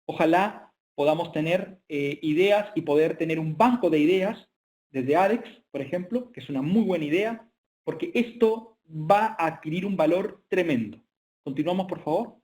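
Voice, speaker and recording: Male lecturer with a slightly high voice, halting delivery full of filler sounds, presenting slides online. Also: darkish tone. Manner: hesitant, frequent filler sounds.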